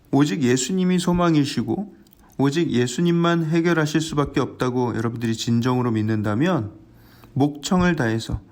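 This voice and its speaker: Male pastor, earnest dawn sermon, fairly high voice, lively delivery. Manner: earnest, animated, acts out scenes. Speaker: senior pastor.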